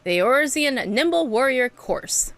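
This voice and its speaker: A woman's voice: high voice, expressive, slow pace, fairly bright tone, no room sound, soft background music, pitched above the performer's own voice, heavily acted. A woman voicing a boastful male showman from a video game, reading his announcements aloud theatrically. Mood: showy.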